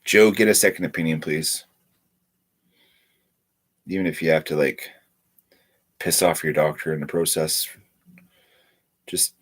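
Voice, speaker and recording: Very deep husky man, stuffy. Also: a bit bright. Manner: rambling, repeats words. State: stuffy nose. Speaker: live streamer. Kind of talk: casual live-stream chat.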